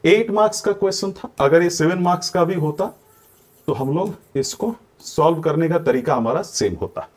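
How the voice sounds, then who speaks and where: Man teaching while dictating slowly. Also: a little high. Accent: Indian English. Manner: switches between Hindi and English, dictates answer lines slowly word by word; addresses students directly, checks they follow. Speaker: exam coaching teacher. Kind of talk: exam-prep lecture.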